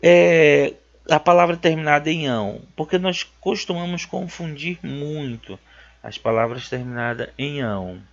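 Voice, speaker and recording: A man's voice: on the high side, measured pace, vocal fry. A man from Brazil teaching a grammar lesson for an exam, emphatic and checking in with "certo?" as he repeats key words. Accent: Brazilian Portuguese. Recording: dull lo-fi sound.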